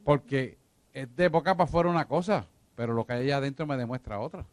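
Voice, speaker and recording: A man's voice: medium pitch, fast, no echo. Emphatic man teaching a church class. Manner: emphatic, repeats himself, asks listeners if they follow.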